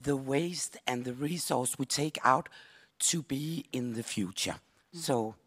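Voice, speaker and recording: A man from Denmark in the audience, asking a question slowly and deliberately. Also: mid-range voice, a bit bright, breathy edge, big-room sound.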